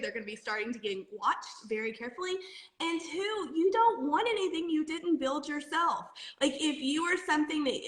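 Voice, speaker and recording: Bright, animated woman co-host. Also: sits high, echoey room. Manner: animated, emphatic, laughs often. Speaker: podcast co-host. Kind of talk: casual chat.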